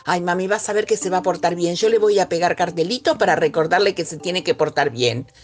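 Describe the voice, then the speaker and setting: A woman's voice: fairly quick, lightly acted. A woman voicing a pleading, mischievous little girl with a Rioplatense accent, whiny and insistent. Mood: wheedling. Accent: Rioplatense Spanish. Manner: whiny, insistent, high-pitched.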